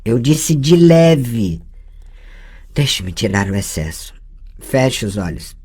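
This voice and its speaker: A reader putting on a calm, teasing sorceress from an audiobook, speaking softly and a little lower than usual. Her pitch swings in a lively way as she corrects her young pupil with patience. The feel is a gentle storybook scene. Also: takes it slowly. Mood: tender. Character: patient adult sorceress woman, teasing teacher. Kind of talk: audiobook dialogue reading.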